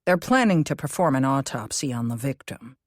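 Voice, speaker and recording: A woman narrator voicing a calm, cautious man who explains things in a measured way in a cozy mystery audiobook. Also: rumbling low, no room sound, clean studio sound. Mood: matter-of-fact.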